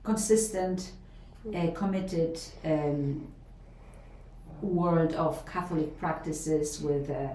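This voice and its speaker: Her voice sits low and dark as she takes things slowly. A middle-aged professor from Poland, she answers interview questions thoughtfully in a Polish accent, with many fillers and restarts. The audio is roomy and slightly distant, with faint ambience and a little hiss or hum.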